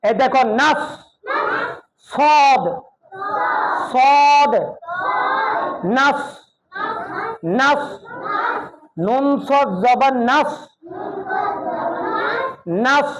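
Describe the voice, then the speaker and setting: Slow, stern man drilling a noisy class. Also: extremely high pitch. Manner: drills syllables slowly, calls class to repeat aloud; stern, raises voice on key sounds. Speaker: madrasa teacher. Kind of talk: Quran recitation lesson for children. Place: classroom full of children. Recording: dull recording, noisy chattering class.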